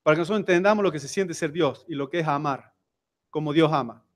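A man's voice: on the high side, quick pace. A man with a Rioplatense Spanish accent giving a conversational sermon in a church, putting frequent rhetorical questions to the congregation. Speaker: seminar speaker at a church.

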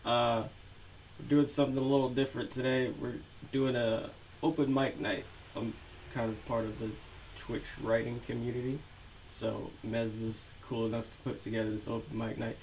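A man with an ordinary mid-range voice talks loosely, with plenty of ums and restarts. He then settles into reading his own dark action prose aloud at a steady pace. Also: medium pitch, moderate pace, slight background noise, low-quality recording. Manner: relaxed, filler-heavy chat. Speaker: author reading his novel.

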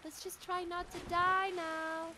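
A young woman streaming a video game, excitable, swearing and laughing as she plays. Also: very high voice, measured pace, noisy background. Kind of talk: live gameplay commentary.

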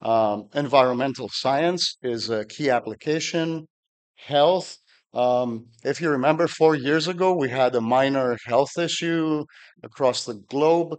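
A man's voice: medium pitch, unhurried. A middle-aged man from Greece, giving a technical conference talk at a podium with dry humor and frequent fillers. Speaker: conference speaker.

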